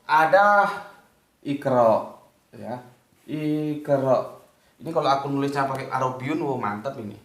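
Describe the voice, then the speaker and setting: A man's voice: mid-range voice, lively intonation, measured pace, pauses often. A man giving an informal religious lecture, casual and direct, often checking that his listeners follow. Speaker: religious teacher. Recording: echoey room.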